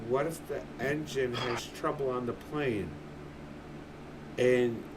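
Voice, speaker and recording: A livestream host in his forties chats casually, blunt and swearing freely, in a steady, slow, mid-range voice. The mic is distant and picks up background noise.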